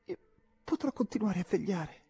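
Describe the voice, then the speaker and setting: Figure: a man doing an excited young woman in a storybook, breathy and airy, feverishly insistent, pitched well above his own voice. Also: normal speed, heavily acted. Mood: excited urgent. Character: excited young woman whispering urgent warnings. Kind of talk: audiobook character voice.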